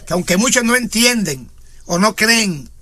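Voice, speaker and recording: Male radio preacher, fervent, high and bright tone. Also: lively intonation, unhurried. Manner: fervent, frequent interjections of praise. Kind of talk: radio sermon and prayer.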